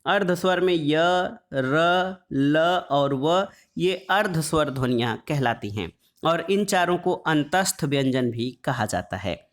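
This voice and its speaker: A man teaching an exam-prep lesson on Hindi phonetics, reading quiz questions and then explaining the answers, drawing out letter sounds slowly as he lists them. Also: a little high, lively intonation. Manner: draws out sounds slowly when listing letters; calls the audience "friends".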